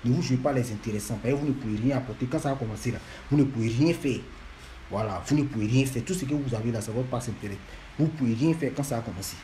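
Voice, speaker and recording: A man's voice: mid-range voice, fast, warm tone, a little hiss or hum. A man, lecturing and scolding fans in a repetitive, emphatic monologue. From Ivory Coast.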